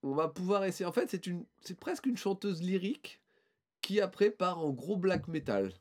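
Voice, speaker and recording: On a casual podcast, a man whose voice is a little higher than most men's rambles through a band presentation. He sounds expressive and a little mellow at a moderate pace, often hesitating, restarting, and filling pauses with "euh."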